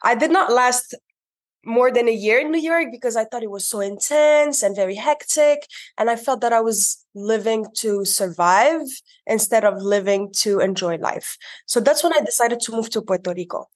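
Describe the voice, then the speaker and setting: A woman's voice: fairly high pitch, animated, normal speed. A young woman from Morocco, a podcast guest telling her life story in a conversational, reflective way.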